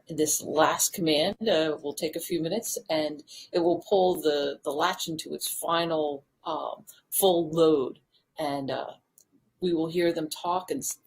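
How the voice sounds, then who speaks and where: A woman engineer gives a live explanation in a low, rough-edged voice. She builds her sentences piece by piece, hesitating as she goes. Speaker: deputy commissioning engineer being interviewed.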